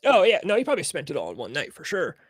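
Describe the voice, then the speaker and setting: A man hosting a podcast, chatting casually and excitedly, swearing and acting out quotes from stories. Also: fairly high pitch, racing, slightly rough, no room sound. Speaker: podcast host. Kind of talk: casual chat.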